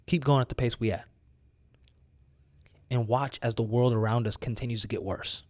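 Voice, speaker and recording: An American man with a medium-pitched, steady voice preaches at a normal pace, no echo on the recording. He urges listeners emphatically in informal motivational style, repeating phrases for effect and speaking in casual youthful slang.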